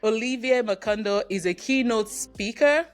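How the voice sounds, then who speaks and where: A woman from Africa hosting a podcast interview, welcoming her guest with enthusiasm and lively emphasis. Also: fairly high pitch, moderate pace. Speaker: podcast host.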